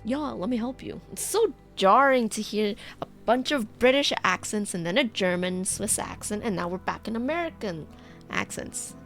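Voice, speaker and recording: A woman's voice: medium pitch, expressive, moderate pace. A woman giving chatty let's play commentary as a VTuber, reading game text aloud and making playful asides. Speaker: VTuber streamer. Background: faint game music.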